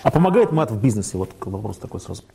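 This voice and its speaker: A man's voice: fairly low pitch, sing-song, very fast, gravelly, over a noisy crowd. A man co-hosting a TV talk show in a studio, earnestly putting questions to the guest. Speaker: co-host.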